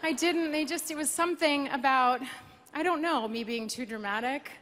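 A woman's voice: sits high, normal speed, a little hiss or hum. A woman hosting an awards show with a playful, self-mocking comedic monologue on a big stage. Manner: playful, self-mocking, bursts into sung lines. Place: large live arena stage. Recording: live arena sound with loud crowd. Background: audience applause and cheering.

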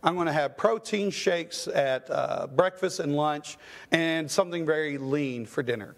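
A man's voice: on the high side, a little slow, vocal fry. A man preaching a sermon as pastor in a church, impassioned, with rising questions and stammered restarts. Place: church sanctuary.

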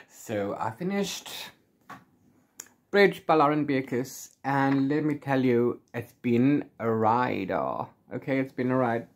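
Recorded at arm's length in a small home room with bookshelves, a man in his forties chats casually and unscripted to camera as a book vlogger. His mid-range voice is lively in intonation, slow and a little mellow, and he rambles playfully, often correcting himself.

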